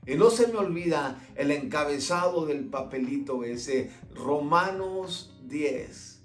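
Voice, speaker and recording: A man with a high voice tells a testimony as a dramatic story, leaning on repeated words for emphasis. His voice rings in an echoey room. Soft music plays underneath. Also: animated, slow.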